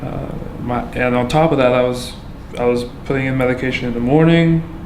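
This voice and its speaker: A man from Afghanistan giving a candid account as a patient, halting and full of fillers and restarts. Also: mid-range voice, steady tone, a little mellow. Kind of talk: candid personal testimony. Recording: echoey room with background noise.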